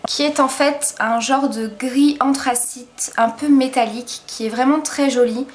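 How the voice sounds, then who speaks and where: A woman's voice: high voice, fairly even intonation, unhurried, a little hiss or hum. A woman giving a casual makeup product review as a beauty vlogger, chatty and enthusiastic, with lots of hesitant fillers. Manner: enthusiastic, gushing about products.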